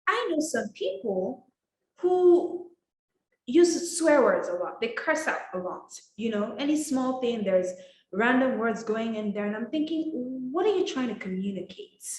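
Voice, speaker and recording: A woman's voice: fairly high pitch, lively intonation, unhurried, darkish tone. A woman from Nigeria teaching an etiquette masterclass, talking in a direct, emphatic and scolding way. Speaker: etiquette coach. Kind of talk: motivational masterclass talk. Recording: roomy echo.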